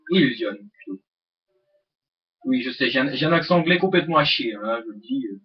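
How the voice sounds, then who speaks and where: A man's voice: medium pitch, expressive, fairly quick, husky. A young man hosting a let's play, rambling with many hesitations and swearing at the game. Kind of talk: casual gameplay commentary. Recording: dull lo-fi mic with game music.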